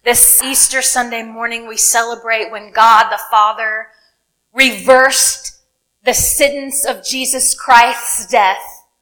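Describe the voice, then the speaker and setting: A woman pastor preaches in a church sanctuary, her voice bright and a little high. She speaks slowly and deliberately, pausing for weight and building each phrase toward a strong point. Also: steady tone, poor audio. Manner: preaching with dramatic pauses and rising emphasis. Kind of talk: sermon.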